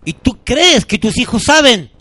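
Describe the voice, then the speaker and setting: A man in middle age delivers a sermon, his voice sitting unusually high and ringing bright. He tells stories as he preaches and acts out the people in them with animated delivery. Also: unhurried. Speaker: pastor.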